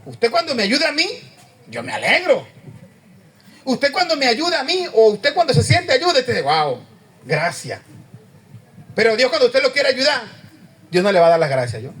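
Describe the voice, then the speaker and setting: Man, preacher, high pitch, conversational sermon, questions to congregation. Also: sing-song, a little fast, fairly bright tone. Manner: conversational, questioning the congregation, says amen often.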